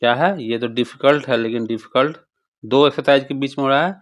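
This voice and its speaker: A man teaching an English grammar lesson, reading English lines slowly and explaining fast in Hindi while asking the class questions. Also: mid-range voice, fairly even intonation.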